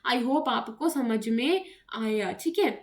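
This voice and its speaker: A woman's voice: on the high side, animated, slow. A woman with an Indian accent giving an online lecture for civil services exam students, mixing English into her explanations and checking in often with her class. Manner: mixes English into explanations, keeps asking "ठीक है?". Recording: roomy echo.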